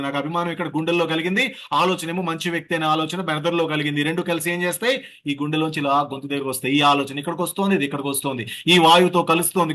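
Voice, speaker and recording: Man, voice coach, slightly high, bright tone, lively drill leader, video call. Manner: lively, leads breathing and sound drills. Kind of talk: online voice workshop lecture.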